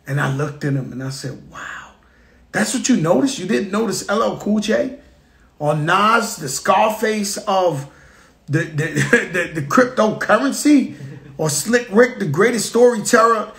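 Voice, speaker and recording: A middle-aged man with a fairly high voice tells an animated story. He piles up repeated phrases for emphasis. The sound is echoey and reverberant, as if captured in a large open space. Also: unhurried. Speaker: speaker at a public event. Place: outdoor construction site event.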